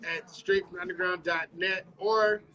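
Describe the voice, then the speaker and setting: A man's voice: high-pitched, steady tone, normal speed, sharp tone. A man hosting a casual radio interview, loose and joking. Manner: loose, joking, rambling with cursing. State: frog in his throat. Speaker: radio host and DJ. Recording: muffled livestream audio.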